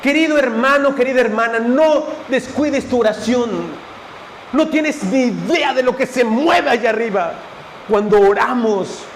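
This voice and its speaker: A man's voice: extremely high pitch, a little slow, a little hiss or hum. A man preaching a fervent sermon at a church service, speaking straight to his congregation. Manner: fervent, directly addressing the congregation as brothers.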